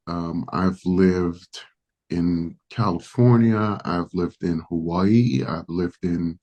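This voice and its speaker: This pastor from the Dominican Republic, a native Spanish speaker, is a guest on a podcast interview. His voice is low with a darkish tone, and he comes across as earnest and reflective, hesitating now and then.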